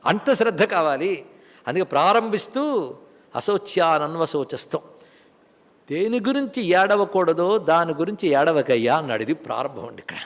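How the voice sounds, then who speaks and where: A man with a Telugu accent delivers a spiritual discourse in a high, ringing voice. He moves between storytelling and slow, chanted Sanskrit verses. His voice trails off into a long hall echo. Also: sing-song. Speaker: Gita discourse speaker.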